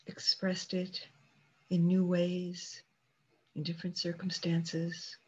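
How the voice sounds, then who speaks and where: This guided meditation is led by a woman teacher whose lowish voice is slightly rough. She stays calm and slow, letting long silences fall between brief phrases, over lo-fi sound.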